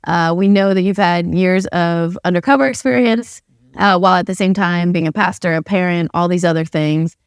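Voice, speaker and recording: A woman's voice: on the low side, normal speed, smooth, no room sound, clean studio sound. A young woman hosting a casual interview, asking curious, conversational questions. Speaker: host.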